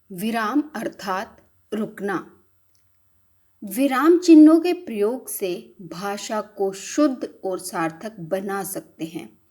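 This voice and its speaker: A woman teacher patiently explaining a grammar lesson step by step, working through examples. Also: medium pitch. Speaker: Hindi teacher. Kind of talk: slow classroom explanation.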